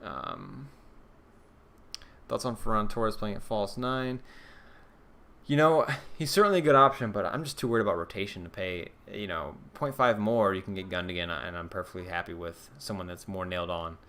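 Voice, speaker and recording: A young man with a lowish voice chats on a live stream, answering viewers. He thinks aloud in a loose, casual way, full of ums and restarts. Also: lively intonation, moderate pace, pushed and bright. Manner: casual, answers viewer questions, many fillers. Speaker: fantasy football streamer.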